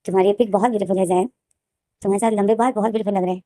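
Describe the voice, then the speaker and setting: A woman voicing a gentle young man who softly consoles his mother in a told fan story. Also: mid-range voice, steady tone, very fast, no echo, clean studio sound, natural voice. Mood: friendly. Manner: soft, consoling. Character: gentle young man, long-lost son, soothing.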